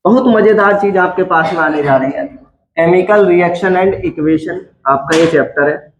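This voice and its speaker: A man's voice: high voice, normal speed. A man teaching a science class in a chatty, coaxing lecture style, quizzing his students as he goes. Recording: echoey classroom.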